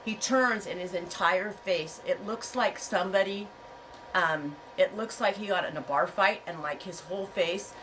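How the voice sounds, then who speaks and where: A chatty woman who vlogs about her yarn and fiber farm tells her viewers a rambling story from home on the farm, laughing often, her nose stuffed up from a head cold. Her voice is fairly low and a bit bright at normal speed. She sounds a little far from the mic, with a faint hiss behind her.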